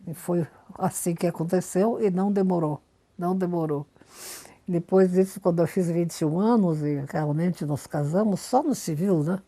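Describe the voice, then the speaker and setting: Older woman, interviewee, low-pitched, warm tone, lively storytelling. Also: normal speed. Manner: lively anecdotal storytelling with emphatic repetition.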